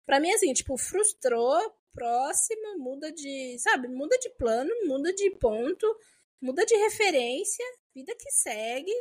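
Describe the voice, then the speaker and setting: A young adult woman, co-hosting a casual chat podcast and talking in a lively, animated way. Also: high voice, unhurried. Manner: lively, acts out quoted dialogue in exaggerated voices. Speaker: podcast co-host.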